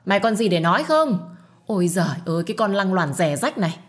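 A woman voicing a scornful older mother-in-law who shrieks insults and wails loudly. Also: medium pitch, big pitch swings, fast talker, voice pushed up, lightly acted. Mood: furious. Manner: shrieking, abusive, wailing to the heavens.

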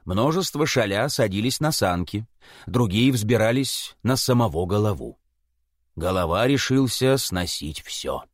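A male narrator reading a classic tale with a lively, animated delivery that rises and falls freely. The sound is close and dry, with no room around it. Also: fairly low pitch, no room sound. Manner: expressive, theatrical.

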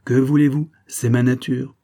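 A man's voice: mid-range voice, flat delivery, moderate pace, dark tone, voice pushed up, close to an everyday voice. A man voicing a cool, bold detective who speaks coldly and teases his opponent in a storybook reading. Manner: cold, teasing and self-assured. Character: cool, sly male detective, mocking and bold.

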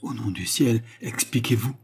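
A man's voice: medium pitch, moderate pace, slightly rough, lightly acted. A man reading aloud and voicing an old, besotted duke who stammers and urges in a trembling manner. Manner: stammering, urgent.

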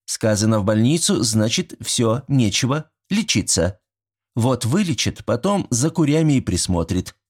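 A man voicing a strict, brisk young village medic woman who scolds in a stern way. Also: medium pitch, sing-song, darkish tone, husky, pitched above the performer's own voice.

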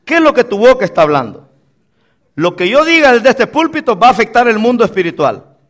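High, animated male preacher. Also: a little fast. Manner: emphatic preaching with call-and-response. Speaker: pastor. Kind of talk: sermon. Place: church pulpit.

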